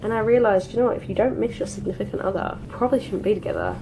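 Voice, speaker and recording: Against a noisy background, a woman in her twenties from the UK rattles off a get-ready-with-me makeup chat at rapid-fire speed in a mid-range voice. She's a beauty vlogger getting over a cold, and her talk is stuffed with "like" and "um."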